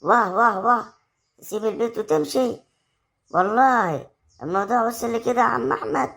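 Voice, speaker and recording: A brisk, slightly bright woman's voice with vocal fry and an Egyptian accent plays a domineering village mother in an amateur web drama. She scolds her son's wife, shrill and confrontational.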